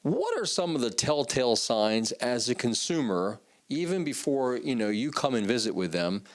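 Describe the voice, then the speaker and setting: Man hosting an infomercial, mid-pitched voice. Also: big pitch swings, normal speed. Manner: conversational, leading questions. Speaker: infomercial host. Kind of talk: infomercial interview and presenting.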